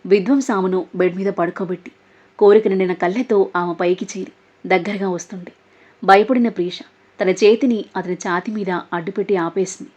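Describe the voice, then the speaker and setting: A woman narrating a romance story serial in an expressive, dramatic way. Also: mid-range voice, moderate pace. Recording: dull lo-fi audio.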